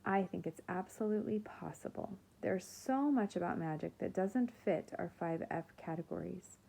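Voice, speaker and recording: A woman reading aloud, voicing a kind female teacher who speaks in a warm, reassuring way. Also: fairly low pitch, moderate pace, creaky, husky.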